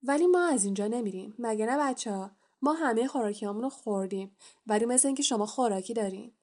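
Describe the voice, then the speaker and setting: A woman's voice: a little high, darkish tone, natural voice. A woman voicing a haughty, sneering pale schoolboy wizard in an audiobook reading, with a taunting manner.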